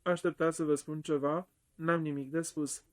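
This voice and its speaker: A man's voice: fairly high pitch, level tone, close to an everyday voice. A man voicing a cold, rigid spinster. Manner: cold, clipped.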